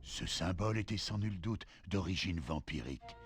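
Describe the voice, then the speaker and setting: An actor playing a haughty, cold ancient vampire lord in a video game, with measured, theatrical menace. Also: male voice, low voice, animated. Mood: brooding. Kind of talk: dramatic video game narration. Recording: loud game music underneath. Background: loud game music.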